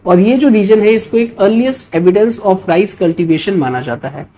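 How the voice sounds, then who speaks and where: Slow and warm in a mid-range voice, this Indian-accented history teacher lectures for exam prep, going through quiz questions one step at a time. She frequently adds short tags to check her listeners are following.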